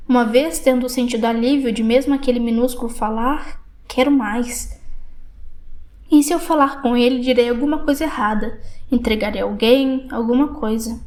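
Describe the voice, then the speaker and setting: A woman with a Brazilian Portuguese accent narrating an audiobook in a measured, reflective first-person reading. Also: on the high side, a little mellow.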